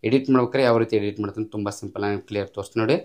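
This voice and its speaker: In a casual screen-recorded app tutorial, a man with a lowish voice talks rapid-fire with fairly even intonation. He gives step-by-step instructions, often repeating them, and mixes in English tech terms.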